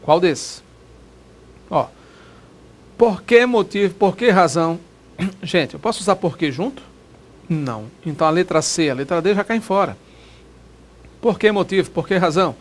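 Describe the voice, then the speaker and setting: A man's voice: sits high, expressive, moderate pace, pauses often. A Brazilian man teaching Portuguese grammar in an exam-prep video lesson, chatty, repeating examples and checking that students follow.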